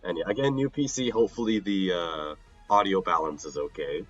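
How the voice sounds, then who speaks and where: This young adult streamer chats casually while gaming, sounding a little sick and tired, slightly nasal, rambling, restarting sentences and laughing often. His voice is low-pitched, brisk and husky, with dull audio and faint music behind.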